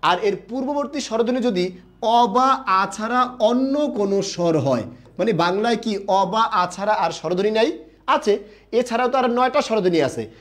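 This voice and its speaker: A young man teaching a live online class in a fairly high voice. He poses a question, answers it himself right away, and reads viewers' comments aloud. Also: animated, moderate pace, a bit bright.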